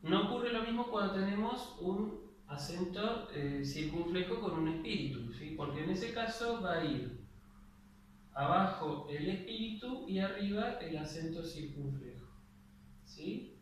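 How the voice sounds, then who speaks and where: A young Argentine man teaches a class in a slightly high voice. The room rings with heavy echo, and he sounds set back from the mic. A faint hiss runs underneath as he explains patiently, checking in after every point. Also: animated, measured pace. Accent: Argentine Spanish. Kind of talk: classroom lecture. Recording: very echoey room, voice far from the mic, faint noise.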